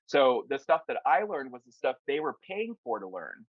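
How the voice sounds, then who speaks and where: A man's voice: mid-range voice, big pitch swings, normal speed, no echo. Young guy stylist rambling on, tons of fillers, dry kinda dull audio. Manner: rambling, many fillers like "like" and "you know". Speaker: hair stylist, salon owner. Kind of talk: casual storytelling in a podcast interview.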